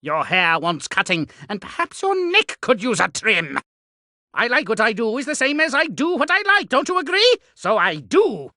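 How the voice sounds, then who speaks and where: Bright, manic tea-party madman. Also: extremely high pitch, wildly swooping pitch, moderate pace, dry recording, studio quality, heavily acted. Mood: taunting. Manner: theatrical, mocking, sharp. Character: mad, sinister tea-party host, mock-polite and taunting. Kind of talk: video game character acting.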